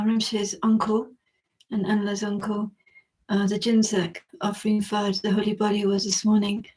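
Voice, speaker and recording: A woman leading a Buddhist practice, speaking earnestly and in a measured way, softly announcing and reading prayers aloud inside an echoey cave. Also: mid-range voice. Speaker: leader of a Buddhist practice session. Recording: echoey cave, distant mic.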